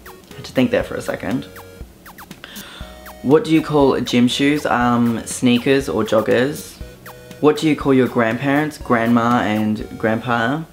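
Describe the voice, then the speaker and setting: A young Australian man from Southeast Queensland talks casually to the camera in a vlog monologue. His medium-pitched voice sounds offhand and relaxed, with frequent ums.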